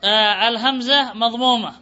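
A man's voice: very high voice, normal speed, sharp tone. A man teaching a grammar lesson, quizzing students and repeating their answers back to them. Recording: dull lo-fi recording.

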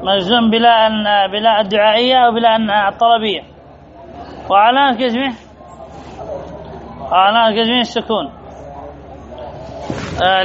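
A man's voice: very high-pitched, sharp tone, slight background noise. A man teaching an Arabic grammar lesson to a class, reading from a text, repeating key terms and calling on students by name to answer. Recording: dull lo-fi classroom recording.

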